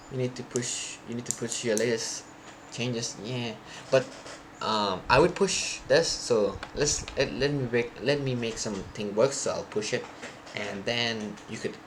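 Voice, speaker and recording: Over a noisy background, a young man with a mid-range voice live-streams his coding and chats loosely with viewers. Thai is his first language, and his speech wanders, stalls and restarts while he hunts for words.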